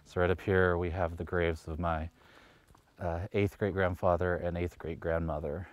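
A man in his thirties from West Virginia, United States, speaks as a local resident in a documentary interview out in the woods. His voice is low with a level tone and moderate pace, and the recording is dry.

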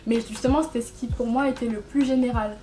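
A woman in her twenties from French Guiana and Brazil, a guest explaining her path in earnest, seated in a bright room. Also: fairly high pitch, fairly even intonation, fast, over music. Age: 20s. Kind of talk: casual interview chat.

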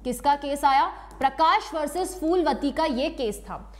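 A woman with a high voice teaches law in an online revision class. She moves briskly through the material and keeps checking in with her students with short questions. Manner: mixes Hindi with English legal terms, asks students quick check questions.

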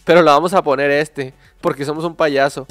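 A man's voice: fairly high pitch, fairly even intonation, brisk, fairly bright tone, dry recording. A man with a Mexican accent giving casual, joking gameplay commentary, full of slang, reading the game text aloud. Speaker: gaming youtuber.

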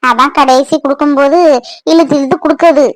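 A woman's voice: high voice, steady tone, brisk, dry recording, studio quality, lightly acted. A woman voicing a proud, gossipy cartoon shopper who boasts and argues indignantly about prices. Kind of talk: cartoon voice acting.

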